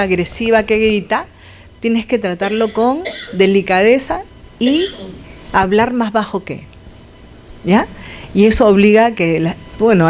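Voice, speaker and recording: A woman's voice: medium pitch, darkish tone, a little hiss or hum. A woman giving a conversational lecture to health students, asking the class questions and adding sound effects.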